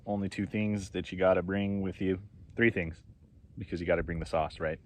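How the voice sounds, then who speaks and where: A young man casually narrating a camping vlog outdoors, rambling and relaxed as he eats. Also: sits low, brisk. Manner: relaxed, rambling, talks while eating. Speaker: camping vlogger. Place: outdoors at a mountain campsite.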